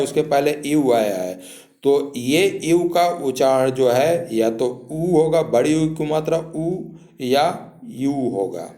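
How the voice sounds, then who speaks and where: A man teaching a spoken lesson at a slow, unhurried pace. He spells words out letter by letter in a mellow, dark voice. The room around him echoes. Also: fairly high pitch. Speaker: English teacher.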